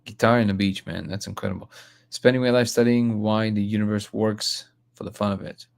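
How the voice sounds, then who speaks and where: Man, gravelly, lowish voice, live stream host, casual comment chat, blunt. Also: little pitch movement, brisk. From Russia. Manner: blunt, restarts often, reads viewer comments aloud.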